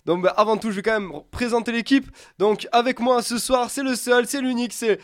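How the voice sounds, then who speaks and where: Joking high-voiced male radio host. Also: steady tone, fairly quick, no echo, clean studio sound. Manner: joking, teasing, chatty. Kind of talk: casual radio chat.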